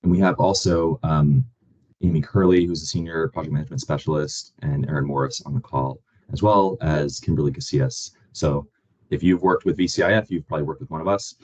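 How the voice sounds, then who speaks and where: A man hosting an online grant presentation, hoarse from a cold, speaking in a plain, halting way with frequent ums. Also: rumbling low, a little mellow. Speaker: webinar host and grant manager.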